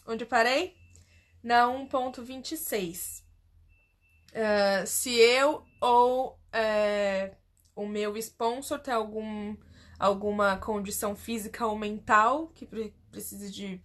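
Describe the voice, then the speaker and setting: A woman's voice: mid-range voice, a bit bright. A young Brazilian woman with a Brazilian Portuguese accent, chatting casually on a phone livestream as she explains a form step by step. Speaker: host.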